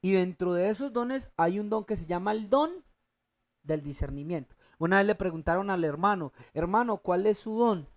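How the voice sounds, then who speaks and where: A preacher teaching a Bible class, often stopping to ask the listeners to fill in the word and slowly repeating the key terms. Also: medium pitch. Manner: asks the congregation fill-in questions, repeats key words slowly; halting restarts, thinking aloud. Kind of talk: church teaching sermon.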